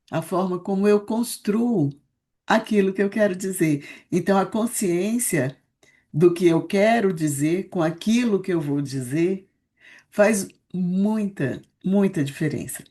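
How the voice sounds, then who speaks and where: Podcast guest, woman, lowish warm voice, measured explainer. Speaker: speech therapist guest. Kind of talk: casual explanatory chat.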